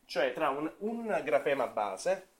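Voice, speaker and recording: A man's voice: fairly high pitch, big pitch swings, slow. A man from Italy giving an academic talk on linguistics to a class, thinking aloud, with fillers and self-corrections. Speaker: seminar presenter.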